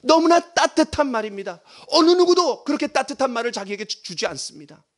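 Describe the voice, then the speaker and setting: This middle-aged male pastor's sermon is theatrical, shifting between loud stresses and soft near-whispers as he guides the congregation through reading aloud. He speaks fast in a very high voice with big pitch swings.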